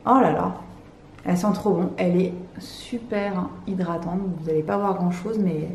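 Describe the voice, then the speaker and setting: A woman vlogger chatting casually and excitably as she unboxes beauty products, with many fillers, recorded at home. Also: lowish voice, moderate pace, echoey room, a little hiss or hum. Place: room at home, cats nearby.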